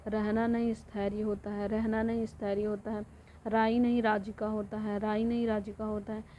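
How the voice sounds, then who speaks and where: Flat-voiced woman drilling word lists. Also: medium pitch. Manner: monotone drilling, repeating each word pair. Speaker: teacher. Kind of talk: exam-prep lesson, reading word lists. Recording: dull lo-fi audio with faint noise.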